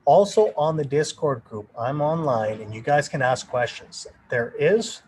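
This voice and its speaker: A man's voice: a little high, animated, measured pace, a little mellow, low-quality recording. A man presents a live trading webinar, explaining his charts while answering viewers' questions. He talks in a loose, rambling way, restarting sentences and filling gaps with "you know" and "uh". The recording carries a faint background hiss from his computer mic. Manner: loose, rambling, thinks aloud with fillers.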